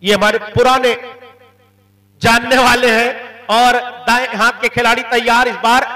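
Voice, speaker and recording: A man calls cricket live in an excited manner. His voice is very high and bright, with a forceful edge. He follows each ball and lifts into shouts for the big hits. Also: a little slow, reverberant, distant mic, poor audio. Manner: excited, rising shouts on boundaries. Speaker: cricket commentator.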